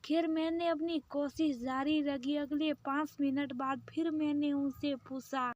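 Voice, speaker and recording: Slow, high-voiced woman storyteller. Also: fairly even intonation, no room sound, highs cut off. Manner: first-person narration, voicing family members in quotes. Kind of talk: scripted story narration.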